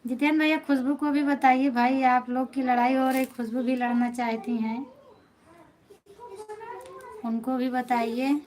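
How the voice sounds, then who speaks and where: A woman with an Awadhi accent hosts her live stream, chatting and teasing viewers by name. Her voice sits fairly high, and she talks in an unhurried way. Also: level tone, a little mellow. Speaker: folk singer hosting a live stream.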